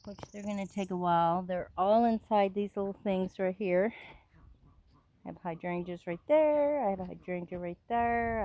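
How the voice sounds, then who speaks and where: A woman's voice: medium pitch, dark tone, slight background noise. A woman giving a casual walking tour of her garden, chatty and a bit out of breath, recorded outdoors on a handheld phone. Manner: chatty, pointing things out while walking outdoors. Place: outdoors in a rural yard.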